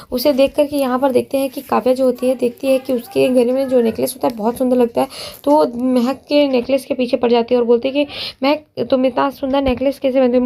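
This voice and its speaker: Woman going over a soap episode, high voice but pretty flat, mellow, stops and restarts a lot. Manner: hesitant, with fillers and restarts, reads characters' lines flatly in her own voice. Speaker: TV serial recap narrator. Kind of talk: casual spoken plot recap.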